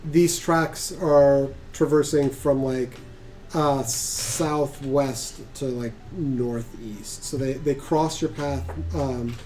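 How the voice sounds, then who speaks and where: Mellow-voiced man running a tabletop game. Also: medium pitch, steady tone, slow pace. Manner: chatty, laughs often, many restarts. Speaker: game master.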